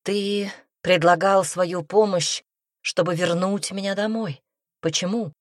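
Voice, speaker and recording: A woman's voice: medium pitch, steady tone, slow pace, no echo, clean studio sound, close to an everyday voice. A woman voicing an outspoken young heroine. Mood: questioning. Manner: emphatic, exclaiming.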